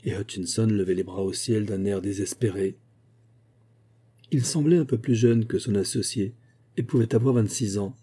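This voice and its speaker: A man reading a classic novel aloud as an audiobook narrator, measured and expressive. His voice is low and very dark, with a husky grain. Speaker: audiobook reader.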